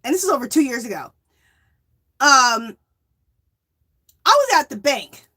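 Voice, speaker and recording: Bright, lively-voiced woman chatting on a livestream. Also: high voice, a little slow, breathy edge. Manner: chatty, laughs often, reads viewer comments aloud; emphatic, tags lines with "okay?" and "Hello?". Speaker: livestream host of a yarn crafting channel. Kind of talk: casual chat with live viewers.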